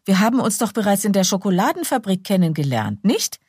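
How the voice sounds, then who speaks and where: A woman voicing a warm, chatty young society lady in an audiobook, speaking brightly and with lots of animation. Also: mid-range voice, big pitch swings, fairly quick, slightly rough, no echo, studio quality, pitched above the performer's own voice. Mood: cheerful.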